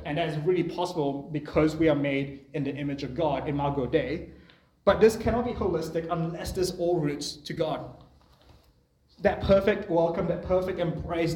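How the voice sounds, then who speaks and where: Young man preaching, slightly high voice, casual and personal, roomy church sound. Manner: conversational, personal storytelling. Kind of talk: sermon.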